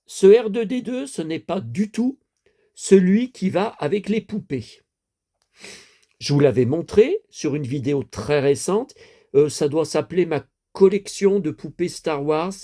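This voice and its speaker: A man's voice: a little high, animated, measured pace, mellow. Rambling French-speaking man, toy collector. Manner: rambling, repeats himself, many fillers. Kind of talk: casual chat to camera.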